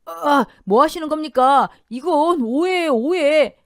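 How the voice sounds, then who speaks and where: A woman's voice: lowish voice, lively intonation, a little slow, darkish tone, no room sound. Woman doing cornered violent husband, pleading, frantic, dry sound. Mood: panicked. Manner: pleading, then menacing. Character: desperate, violent middle-aged husband.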